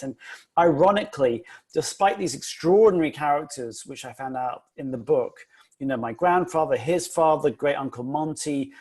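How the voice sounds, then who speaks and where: A man's voice: medium pitch, a little mellow, slightly rough. A man, an author, talking about his family history book at a panel event in a thoughtful, conversational way with frequent fillers.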